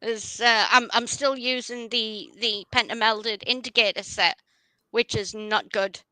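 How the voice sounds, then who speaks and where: A woman's voice: fairly high pitch, fairly even intonation, a little slow, sharp tone, no room sound, rough recording. A woman hosting a casual livestream, chatty and rambling, often restarting her sentences. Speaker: livestream host.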